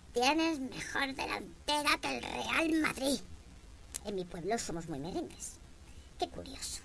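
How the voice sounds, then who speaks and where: A woman with a Spain Spanish accent delivering a comic monologue in a wry, sarcastic storytelling manner. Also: on the high side. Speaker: comedian.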